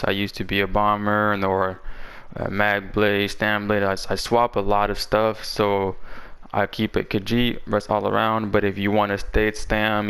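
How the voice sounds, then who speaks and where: Man, casual gaming commentary, slangy, low-pitched, very clean smooth tone, slightly parched and under the weather. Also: a bit bright. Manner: informal, slangy talk. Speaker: gamer presenting a build guide. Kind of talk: casual game build commentary.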